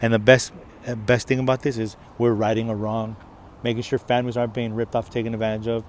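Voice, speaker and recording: A man telling a story in a casual monologue. He is animated, acts out the dialogue himself and keeps saying "right?". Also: medium pitch, fast talker, slight background noise. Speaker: motivational vlogger. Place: outdoors in the city. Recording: outdoor recording.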